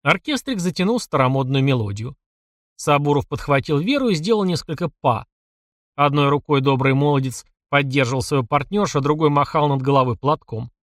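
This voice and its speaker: A man reading a story aloud in expressive scripted narration. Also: a little high, a little fast, dry recording, studio quality. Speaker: audiobook narrator.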